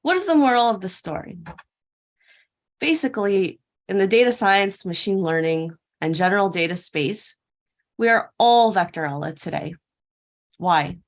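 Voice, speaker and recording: Casting her prepared keynote as a fairytale parable, a woman at a tech conference speaks at normal speed with a medium pitch and lively intonation. She keeps it playful, posing questions before answering them.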